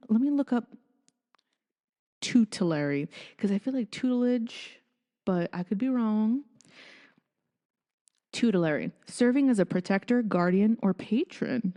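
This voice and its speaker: A woman's voice: mid-range voice, lively intonation, a little slow, dark tone, big-room sound, muffled recording. A woman hosting a casual solo podcast, chatting and thinking aloud as she reads passages from a book. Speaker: podcast host.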